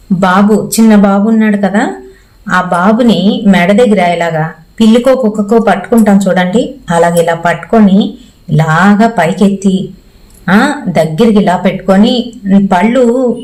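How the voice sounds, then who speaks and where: A woman's voice: mid-range voice, unhurried, long pauses, a little mellow, low-quality recording. A woman with a Telugu accent telling a ghost story in a casual, conversational way. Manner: conversational, acts out quoted lines in her own voice. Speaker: horror story narrator.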